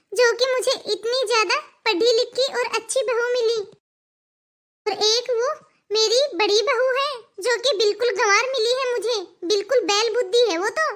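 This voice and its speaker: A voice actor playing a bossy, scolding older village mother-in-law in an animated cartoon. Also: extremely high pitch. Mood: doting. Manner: scolding, boastful, belittling. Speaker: cartoon character.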